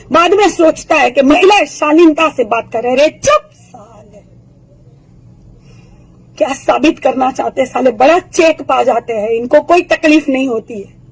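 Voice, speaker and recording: A woman with a high, hoarse voice, strained by a sore throat. She rants in fury about politics, firing off taunting rhetorical questions and scolding her listeners without pause. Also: poor audio. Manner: furious, taunting, rapid-fire rhetorical questions. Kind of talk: angry political video rant.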